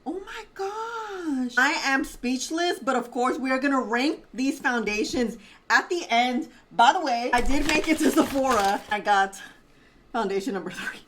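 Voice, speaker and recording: A woman's voice: high-pitched, normal speed, slight background noise. Chatty woman beauty vlogger. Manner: chatty and expressive, addresses viewers as family. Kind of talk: casual beauty vlog chat.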